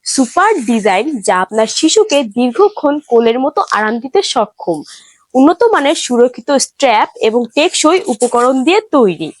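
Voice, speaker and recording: Lively high-voiced woman reading an ad. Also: moderate pace, no echo. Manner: upbeat sales pitch. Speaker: ad voice-over. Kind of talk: scripted product ad.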